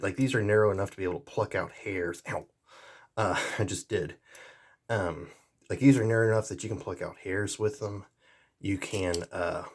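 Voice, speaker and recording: A man's voice: on the low side, a little hiss or hum. A man reviewing pocket pliers in a casual, rambling vlog. He is easygoing, with many fillers and restarts. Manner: jokey sign-off.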